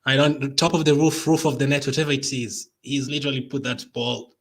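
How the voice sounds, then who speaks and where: A man with a medium-pitched voice hosts a live football watch-along. He reacts to a penalty shootout in an anxious, pleading way, talking straight to his viewers. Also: little pitch movement, a little fast. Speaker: football fan channel host.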